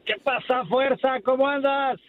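A man's voice: extremely high pitch, steady tone, unhurried. Man joking over a phone line. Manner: joking, slangy. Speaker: phone-in guest. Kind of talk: casual radio chat. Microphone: telephone line. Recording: phone line with crowd noise.

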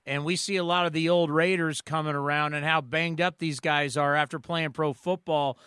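A man in his forties hosts sports talk radio from a studio microphone, his voice high and bright. He speaks clean and smooth, with a dry close sound and no room around him. He tells his stories in an energetic, rambling way. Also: normal speed, no room sound. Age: 40s.

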